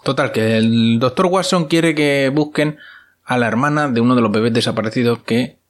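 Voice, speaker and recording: A man's voice: medium pitch, normal speed. A man with a Spain Spanish accent, chattily recapping a series episode with crude slang and asides. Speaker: series reviewer.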